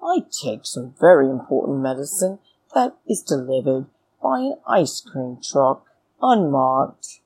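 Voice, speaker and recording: A woman's voice: a bass voice, sing-song, a little slow, darkish tone, a little hiss or hum, rough recording. A middle-aged British woman hosting a chatty comedy podcast with a flirtatious, theatrical femme fatale drawl and cheeky, crude teasing. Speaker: podcast host.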